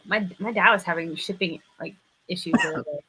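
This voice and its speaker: A woman's voice: on the low side, brisk, sharp tone, slight background noise, low-quality recording. A woman in casual chat who laughs often and talks in a giggly way.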